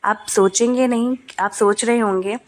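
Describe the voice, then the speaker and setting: This young woman's fairly high voice stays steady at a normal speed as she narrates a family vlog. Though she has a cold and coughs, she keeps chatting casually with plenty of hesitant fillers.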